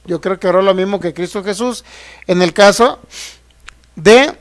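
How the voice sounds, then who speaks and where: Man, pastor, sermon, very high voice, rhetorical questions. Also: a little slow. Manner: preaches with rhetorical questions to the congregation; acts out quoted voices and prayers. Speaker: pastor teaching a healing course.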